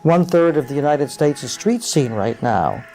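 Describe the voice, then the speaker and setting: A middle-aged man as an interview guest, talking thoughtfully with many pauses and fillers, explaining ideas with rising animation. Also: fairly high pitch, lively intonation, warm tone, soft background music. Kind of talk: reflective interview conversation.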